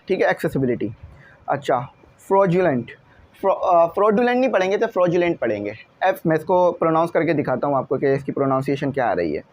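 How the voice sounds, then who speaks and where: A man teaches English, his voice sitting notably high for a man. He talks with patience and drills each new word slowly, again and again, as he walks through the exercises. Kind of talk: classroom lesson walkthrough.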